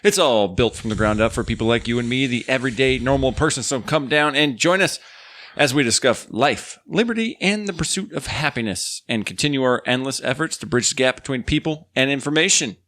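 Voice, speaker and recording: A man co-hosting a political talk podcast, reading an animated, quick intro and then chatting casually. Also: mid-range voice. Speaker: podcast co-host.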